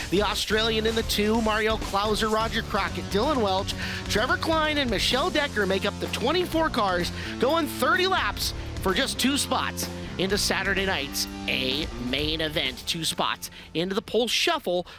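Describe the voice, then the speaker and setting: A man giving broadcast race commentary, rattling off the starting lineup. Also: high-pitched. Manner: brisk lineup rundown.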